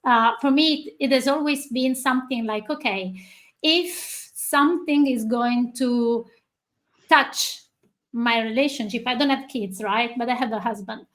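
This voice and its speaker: Woman podcast host on a video call, slow and chatty, bit high voice, stops and restarts a lot. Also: a bit bright. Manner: chatty, slow and halting, with laughs. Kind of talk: casual interview over video call.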